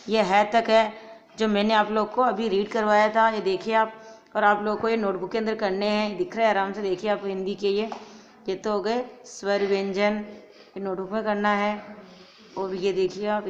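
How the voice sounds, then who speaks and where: A woman teacher giving a recorded grammar lesson to young children, going slowly, repeating each point and asking questions that she answers herself. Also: medium pitch, level tone, muffled recording, a little hiss or hum. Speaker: primary school teacher.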